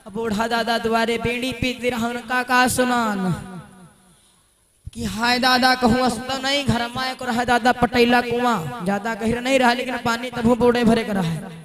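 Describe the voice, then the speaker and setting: A man telling a folk tale, speaking to listeners and breaking into repeated sung refrains. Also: extremely high pitch. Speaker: kathavachak storyteller. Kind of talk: sung and spoken folk storytelling. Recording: tabla and music behind. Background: music with tabla.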